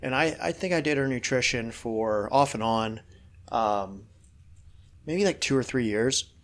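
A middle-aged fitness coach talks shop in an easygoing podcast chat, loose and rambling and full of "you know" and "like." He's frank and swears now and then. His pitch is ordinary and he speaks unhurriedly.

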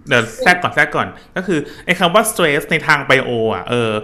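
A man co-hosting a casual science chat, chiming in often and adding explanations that pause and restart. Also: fairly high pitch, animated, crowd noise.

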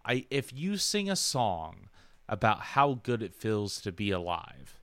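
A man holds forth on a podcast in a bright, cutting voice that swings widely in pitch. His talk is profane and heated, a running rant in casual chat. The sound is dry and close to the mic. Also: very animated, a little slow, no room sound. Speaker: podcast co-host.

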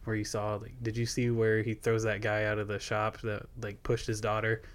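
A man's voice: on the low side, monotone, normal speed. Rambling young man hosting a podcast. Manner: rambling, filler-heavy, laughs often. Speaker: podcast host. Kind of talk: casual chat.

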